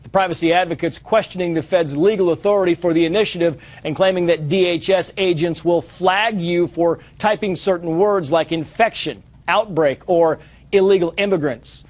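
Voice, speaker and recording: A man anchoring a cable news segment, speaking in a notably high voice. He presses his guests with brisk, prodding questions, often leaning on fillers and restarts.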